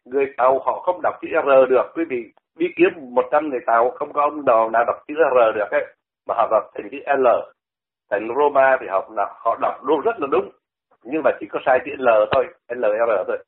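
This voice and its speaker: This radio commentator, an older man from Vietnam, talks quickly in a mid-range voice. He explains language in a chatty way, repeating words as examples, and the audio sounds like a phone-like radio line.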